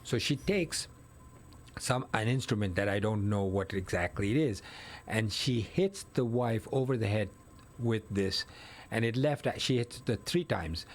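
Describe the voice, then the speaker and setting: This lowish, animated male voice moves a little slowly. The guest tells a murder case in casual conversation, step by step, with plenty of fillers and self-corrections.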